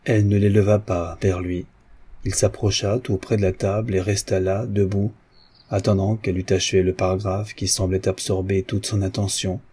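A male audiobook narrator reading a classic novel in a measured, literary way. His voice is dark and husky, set fairly low. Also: flat delivery. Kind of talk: scripted narration.

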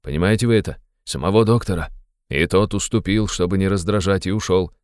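A man reading an audiobook, voicing a drunk, excitable young man who blusters loudly and talks fast. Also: sits low, clear, resonant tone, dry recording, clean studio sound, natural voice. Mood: urgent, hushed. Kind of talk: audiobook character voice.

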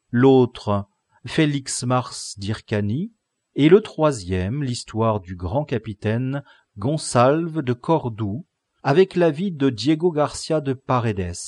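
A man reads a classic novel aloud at an unhurried pace with a lively, varied pitch. The sound is dry and close, with no room behind it. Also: no echo. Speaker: audiobook reader. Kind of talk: classic novel audiobook narration.

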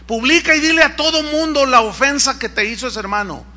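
A man's voice: extremely high pitch, expressive, fairly quick, pushed and bright. A middle-aged male pastor preaching a sermon in Spanish, emphatic and acting out members of his congregation in quoted voices.

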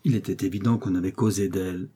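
A man reading a classic novel aloud as audiobook narration, in a steady, even manner. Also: low-pitched, fast talker, breathy edge. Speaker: audiobook reader.

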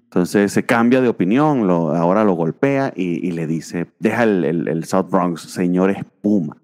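A man's voice: low-pitched, lively intonation, normal speed, a little mellow, in a large hall. A man co-hosting a casual podcast about comic books, rambling with many fillers. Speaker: podcast co-host.

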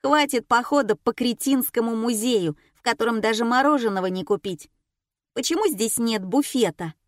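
A woman voicing a rude teenage girl who talks loudly and bluntly. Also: on the high side, normal speed, no echo, clean studio sound, voice pushed up, close to an everyday voice. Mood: brash. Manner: loud, mocking, blunt.

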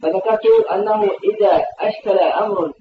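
A man reading a grammar text aloud in a lesson, quickly and with restarts. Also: high-pitched, echoey room, phone-quality sound, a little hiss or hum.

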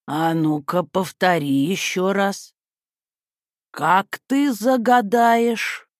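Storybook: a man playing a calm, stern old female turtle, very slow delivery. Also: high-pitched, no room sound, clean studio sound, pitched above the performer's own voice. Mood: measured. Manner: slow, deliberate. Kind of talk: audiobook character voice.

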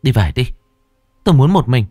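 A man's voice: medium pitch, big pitch swings, moderate pace, dark tone, breathy edge, no echo, clean studio sound, voice pushed up. A man voicing a pregnant young noblewoman in an audio story, who speaks in a curt, insistent way. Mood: sharp.

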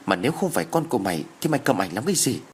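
A man's voice: medium pitch, sing-song, racing, slight background noise, natural voice. A man voicing a distraught older village mother who wails and scolds. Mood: apologetic. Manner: wailing and scolding.

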